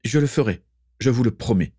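A man's voice: medium pitch, expressive, a little fast, mellow, pitched above the performer's own voice, lightly acted. A man reading aloud and voicing a proud young aristocrat pledging himself earnestly to his father. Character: young aristocratic son, proud but cowed.

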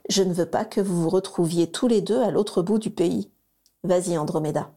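A woman voicing a cheerful, affectionate mother who gently coaxes her children in a storybook reading. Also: fairly low pitch, normal speed. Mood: cheerful coaxing.

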